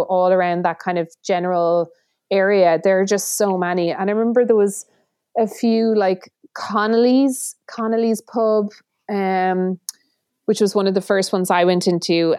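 A woman's voice: mid-range voice, a little mellow, clean tone, dry recording, clean studio sound. An Irish woman co-hosting a podcast, chatting casually and rambling with restarts. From Ireland. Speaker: podcast co-host. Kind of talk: casual chat.

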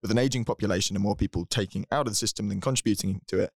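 A young man explains things as a podcast co-host. His voice sits fairly low and moves along rapidly, informal yet orderly, with a dry, close sound. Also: no room sound.

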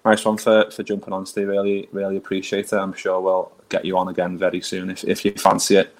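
Deep-voiced Liverpool man hosting casually. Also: completely flat delivery, fairly quick. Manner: blokey, matey, slangy and sweary. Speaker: podcast host. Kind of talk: casual football chat.

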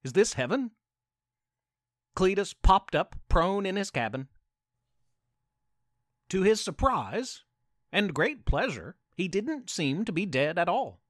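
A male storyteller narrating a podcast tale with playful asides. His voice is on the high side and rises and falls with great life. The recording is close and dry, with no room around it. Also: very animated, takes it slowly, pauses often, a bit bright, no echo.

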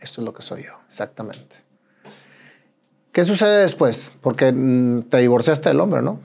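A man hosts a casual interview. He asks his guest relaxed, easygoing questions. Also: mid-range voice, measured pace, vocal fry, breathy edge. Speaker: host.

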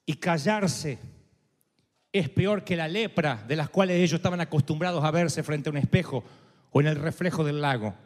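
A man's voice: fairly high pitch, normal speed. A man preaching a sermon as pastor, dramatic and full of rhetorical questions. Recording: echoey hall.

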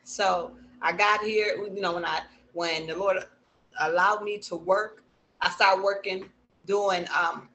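A man's voice: sits high, fairly even intonation, takes it slowly, pushed and bright, slight background noise, low-quality recording. A man talking in casual chat as a gospel musician guest, enthusiastic and repeating himself.

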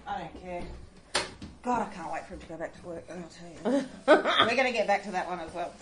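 A woman's voice: lowish voice, expressive, fast talker, noisy background. A middle-aged woman co-hosting a podcast, blunt and wry, with a teasing edge. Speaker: podcast co-host. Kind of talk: casual chat.

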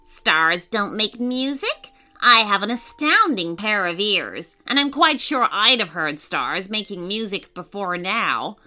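A woman's voice: medium pitch, big pitch swings, a little slow, hardly any pauses, sharp tone, soft background music, heavily acted. A woman voicing a prim, fussy little bat who speaks politely but dismissively.

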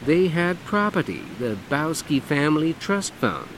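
A man's voice: fairly high pitch, big pitch swings, a little slow, background noise, pitched above the performer's own voice. A man voicing a flamboyant, brash lawyer who talks in a camp, sassy, emphatic drawl.

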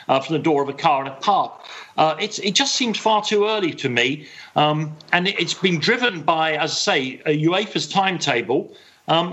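A man in a casual football discussion, speaking in a halting but emphatic way over a remote connection. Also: on the high side, a bit bright. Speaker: podcast panellist. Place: remote broadcast from Ireland. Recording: slightly muffled remote connection.

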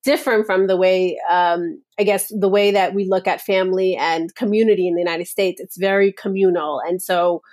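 A woman's voice: fairly low pitch, fairly even intonation, moderate pace, hardly any pauses, darkish tone. Earnest reflective woman guest. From Nepal. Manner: earnest, reflective, many "like" and "and so" fillers. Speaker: guest, personal power coach. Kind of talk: casual podcast interview.

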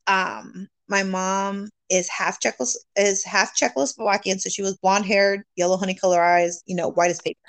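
A woman guest from California speaks in an earnest, upbeat way, sliding between English and Spanish mid-sentence. Her pitch sits mid-range for a woman, and she breaks into laughter often as she talks. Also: fairly even intonation, normal speed, few pauses, dry recording. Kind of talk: casual bilingual interview chat.

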